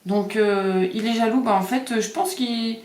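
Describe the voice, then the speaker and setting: A woman's voice: on the high side, measured pace, darkish tone. Hesitant woman giving a casual card reading, echoey room. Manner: hesitant, many fillers, repeats card words. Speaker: card reader doing animal readings.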